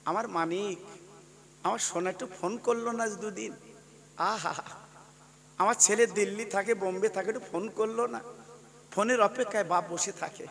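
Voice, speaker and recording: A male preacher from India giving an emotional storytelling sermon that swings from shouting to low murmurs. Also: moderate pace, vocal fry, pauses often, long reverb tail. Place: outdoor religious gathering.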